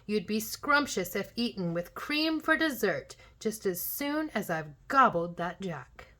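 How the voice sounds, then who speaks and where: A woman voicing a grumpy, hungry male giant from a children's storybook, chanting loudly and relishing rhymed threats. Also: mid-range voice, sing-song, measured pace. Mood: loud, gloating.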